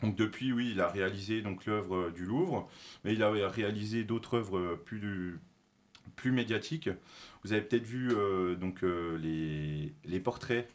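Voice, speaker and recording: Unhurried and lowish in voice, a man reads from notes while presenting a talk show segment. He stumbles through fillers, corrects himself, and pokes light fun at himself.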